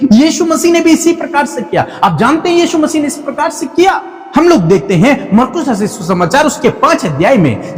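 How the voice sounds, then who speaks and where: A man's voice: high-pitched, big-room sound. A male preacher giving an earnest evening prayer sermon, exhorting his listeners and asking rhetorical questions.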